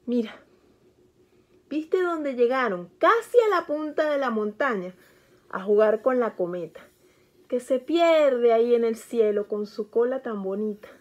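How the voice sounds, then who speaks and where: Woman storyteller, kids' picture-book reading, gentle, talks to the child, fairly high voice. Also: lively intonation, a little slow, muffled recording. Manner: gentle, speaks to the child listener.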